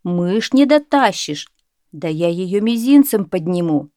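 A woman voicing an old father in a storybook tale, speaking calmly and plainly while gently scolding his son. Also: on the low side, a little slow, no room sound, studio quality. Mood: patient. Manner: calm, plain, gently chiding.

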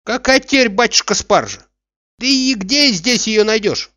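A shrewd peasant housekeeper, brisk and sharp-witted, in a high put-on voice from a man reading a storybook. Dry, slightly dull sound. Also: animated, no room sound, full character voice.

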